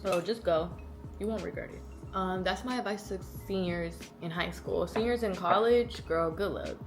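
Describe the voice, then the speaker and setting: A woman in her early twenties answering questions as a content creator in a casual, animated, slangy and playful way. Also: lowish voice, moderate pace, music in the background. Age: early 20s. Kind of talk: casual chatty Q&A.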